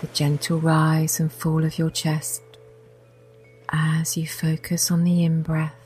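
Slow, whispery low-voiced woman guide. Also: completely flat delivery, faint music behind. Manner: soft, slow, often whispered. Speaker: meditation guide. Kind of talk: guided meditation.

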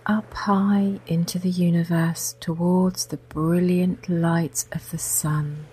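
A woman guiding a meditation in a soft voice, often slipping into a whisper. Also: fairly low pitch, level tone, takes it slowly, slightly rough, rough recording. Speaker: meditation guide. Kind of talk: guided meditation.

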